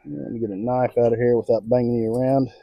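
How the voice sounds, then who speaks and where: This lo-fi clip features an American man of medium pitch who speaks fast in a steady tone with vocal fry. Hosting a laid-back outdoor cooking vlog on his home patio, he thinks aloud in a folksy, casual manner while a radio plays music nearby.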